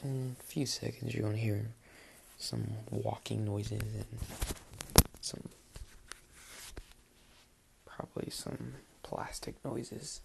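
A man's voice: fairly low pitch, takes it slowly, vocal fry, long pauses. A young man hosts a casual late-night solo podcast from his bed, rambling in a sleepy, dry voice. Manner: rambling, relaxed, sleepy, lots of fillers. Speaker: podcast host. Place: bedroom, sitting on his bed. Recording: faint hiss in the background.

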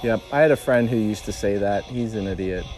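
A man on a casual podcast with friends, cracking silly deadpan jokes. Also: lowish voice, a little fast, soft background music, low-quality recording. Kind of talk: casual chat.

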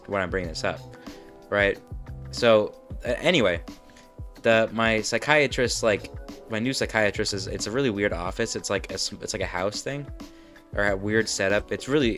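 A young man hosts a podcast, rambling casually through a monologue and often breaking off to laugh at himself. His voice is on the low side with a fairly bright tone. He burps and has hiccups.

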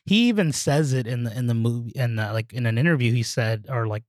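A man co-hosting a podcast, chatting casually and excitedly with a lot of fillers. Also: medium pitch, quick pace, dry recording, studio quality. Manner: excitable, rambling, many fillers. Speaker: podcast co-host. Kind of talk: casual chat.

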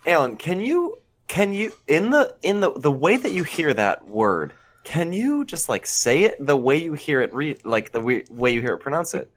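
A young man co-hosting a casual podcast, talking in an expressive, animated way. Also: mid-range voice. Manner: animated, expressive, quick laughs. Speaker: podcast co-host.

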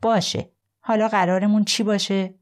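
A woman's voice: mid-range voice, level tone, voice pushed up, natural voice. A woman voicing a defiant cornered male suspect. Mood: bargaining. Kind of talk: audiobook character voice.

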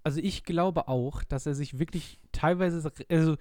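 Higher-voiced man telling a story, dry sound. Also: normal speed, darkish tone, no echo. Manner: storytelling, hesitant restarts. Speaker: podcast co-host. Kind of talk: casual chat about darts.

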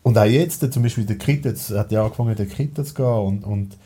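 Dark husky Swiss German man. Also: lowish voice, racing. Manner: rambling, many restarts and fillers, blunt swearing. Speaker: podcast guest. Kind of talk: casual personal conversation.

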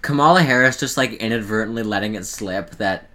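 Bright-toned joking male co-host. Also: on the low side, a little hiss or hum. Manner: quick-witted, joking interjections. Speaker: podcast co-host. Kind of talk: casual political podcast chat.

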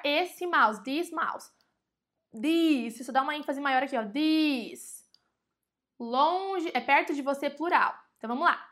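Chatty high-voiced Brazilian woman teacher. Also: bright, forceful tone. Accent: Brazilian Portuguese. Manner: chatty, often addresses the audience as "gente"; slows down to spell and repeat example words. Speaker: English teacher. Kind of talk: casual online lesson.

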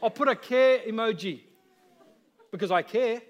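A man preaching a sermon, impassioned, swinging from soft to loud, pausing for an interpreter. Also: sits high.

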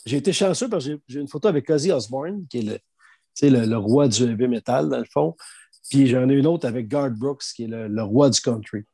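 A middle-aged man with a Quebec French accent swaps anecdotes in a loose, slangy chat, his medium-pitched voice quick and tinged with breathiness. He's a guest telling stories with lively energy, and the recording has no echo.

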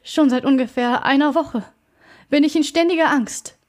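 Woman doing a panicky servant guy, high strained voice, rushing and begging, audiobook reading. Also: natural voice. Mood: frightened. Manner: pleading, breathless, hurried. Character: frightened middle-aged male servant, anxious.

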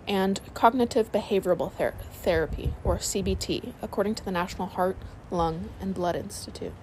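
A woman narrating a sleep story, reading aloud in a calm, soothing way. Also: mid-range voice, a little hiss or hum, poor audio.

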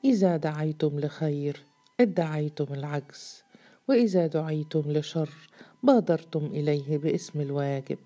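A woman's voice: sits low, moderate pace, mellow, natural voice. A woman voicing a stern, mocking male jinn freed from a bottle, speaking with severe, scornful preaching. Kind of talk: storybook reading.

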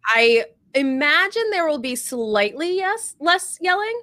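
Podcast co-host, woman: bright, upbeat, chatty, dry close mic. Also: sits high, sing-song, measured pace, no echo. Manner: chatty, upbeat, laughs often. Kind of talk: casual chat.

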